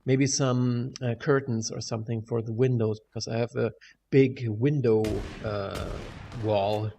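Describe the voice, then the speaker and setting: A man's voice: medium pitch, fairly even intonation, unhurried, warm tone. A man with a German accent giving a casual, rambling, hesitant update with casual swearing, his voice echoing in a big room at home. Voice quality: echoey room sound. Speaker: video creator. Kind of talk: casual rambling update over game footage. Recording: big echoey room, clear background noise.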